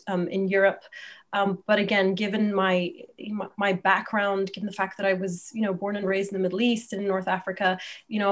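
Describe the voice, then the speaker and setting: Thoughtful Egyptian woman academic. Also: medium pitch. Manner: thoughtful, hesitant with fillers. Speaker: guest academic. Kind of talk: interview answer.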